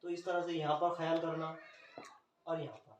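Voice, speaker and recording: A man's voice: on the high side, level tone, moderate pace, far from the mic, slight background noise. A man teaching an Urdu poetry scansion lesson, spelling out letters one by one in an Indian Urdu accent. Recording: roomy echo, speaker off the mic.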